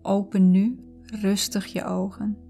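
A woman narrating a guided visualization in a calm, soothing, unhurried way. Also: medium pitch, vocal fry. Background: background music.

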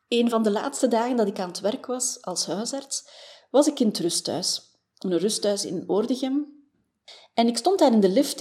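A woman's voice: mid-range voice, mellow. A woman with a Flemish accent, a former family doctor, hosting a motivational podcast and telling stories in a chatty way that tags many sentences with a questioning "hè".

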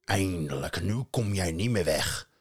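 A man voicing a brutish, gruff male mountain troll who talks loudly in broken grammar. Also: deep voice, animated, unhurried, full character voice. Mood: gruff boastful. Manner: loud, bellowing, broken grammar.

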